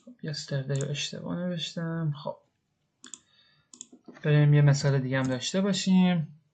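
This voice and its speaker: A male English teacher with a slightly high voice walks through grammar step by step. He patiently repeats each example slowly and then translates it. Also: darkish tone.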